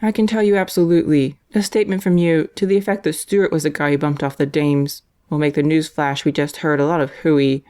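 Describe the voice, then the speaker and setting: A woman's voice: low voice, fairly even intonation, fairly quick, few pauses, warm tone, clear, resonant tone, natural voice. A woman voicing a mocking, scheming male death row inmate who turns ingratiating. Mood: coaxing. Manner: sneering, then ingratiating.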